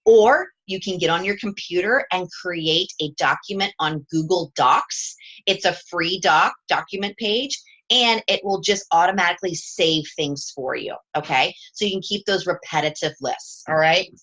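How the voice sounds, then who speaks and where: A woman's voice: on the low side, normal speed, fairly bright tone, rough recording. A woman leading a live coaching chat with her team from home, upbeat and chatty and often checking in with "okay?".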